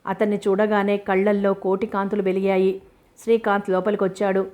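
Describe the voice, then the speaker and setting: Woman narrating a novel in an even, flat voice. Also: mid-range voice, fairly quick. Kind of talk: audiobook novel reading.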